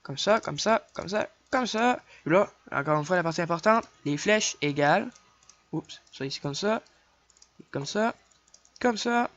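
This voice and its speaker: A young man with a Québécois French accent, chatting casually through a game tutorial, counting his clicks aloud and apologizing quickly for slips. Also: sits high, animated, a bit bright, dry recording. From Quebec. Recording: dull lo-fi dry home mic.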